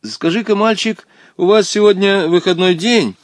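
A man voicing a quick-witted, earnest schoolboy who speaks in an eager, indignant way. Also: high voice, no echo, studio quality, pitched above the performer's own voice, natural voice.

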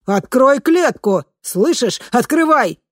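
Brief: a woman doing a domineering, heavyset older boss lady, brusque and pushy, slightly low and dry. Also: lively intonation, normal speed, a little mellow, no echo. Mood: panicked. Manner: brusque, domineering, then panicky pleading. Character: bossy heavyset middle-aged woman, cruel sadist. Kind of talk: audiobook character reading.

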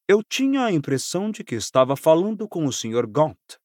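A man's voice: on the high side, big pitch swings, fairly quick, no echo, studio quality. A man doing a firm, earnest ministry official.

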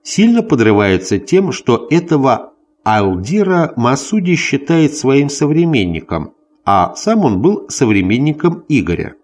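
A man reading a scholarly history text aloud as scripted narration, in a deliberate, bookish manner. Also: medium pitch, very animated, a little mellow. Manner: deliberate, announces notes and quotations aloud. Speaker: audiobook reader of a history text.

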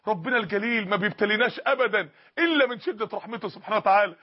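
A man preaching an impassioned Islamic sermon in Egyptian Arabic, telling stories to the congregation and shouting at the peaks. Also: sits high, expressive, rapid-fire, slightly rough. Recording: dull lo-fi recording.

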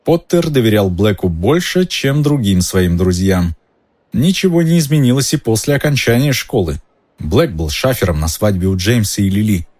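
A man's voice: fairly low pitch, very animated, normal speed, a little mellow. A man doing a pompous stout minister. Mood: grave. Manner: pompous, confiding, ingratiating. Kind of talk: audiobook character voice.

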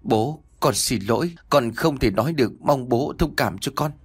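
A man voicing a meek young woman who speaks softly and apologetically to her father, in an audiobook reading. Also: mid-range voice, expressive, normal speed, husky, dry recording, studio quality, pitched above the performer's own voice. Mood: tearful. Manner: soft, hesitant, apologetic.

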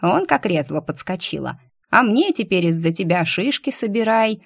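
A woman's voice: mid-range voice, sing-song, normal speed, creaky, breathy edge, no echo, studio quality, full character voice. A woman voicing a cheeky, theatrical female talking squirrel who bickers with melodramatic flair in an audiobook. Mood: sly, bickering. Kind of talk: audiobook character voice.

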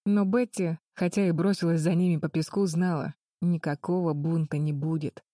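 A woman narrating a children's adventure audiobook in a calm, even storytelling manner. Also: deep voice, normal speed, no echo, studio quality.

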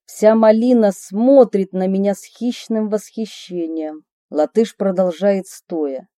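Warm, dark-voiced woman reading a memoir. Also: mid-range voice, slow pace, dry recording, clean studio sound. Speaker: narrator of her own memoir.

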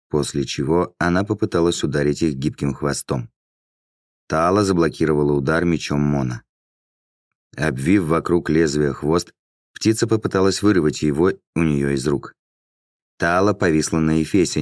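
A man reading a fantasy audiobook as narrator in a measured, even storytelling manner. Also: extremely low pitch, dry recording, clean studio sound.

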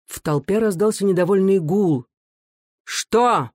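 Audiobook narrator reading a classic novel, steady measured pace, mid pitch, dry close mic. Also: no echo. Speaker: audiobook reader. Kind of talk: scripted literary narration.

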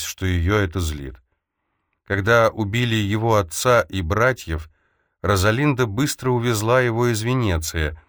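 Male audiobook narrator, very low voice, measured, dry close mic. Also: dry recording. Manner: measured, even storytelling. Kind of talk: scripted narration.

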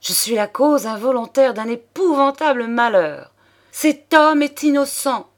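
Casting: woman playing a fussy old amateur detective, high-pitched and breathless, eager and flustered, for an audiobook. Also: lively intonation, a little slow. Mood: alarmed. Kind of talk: audiobook character reading.

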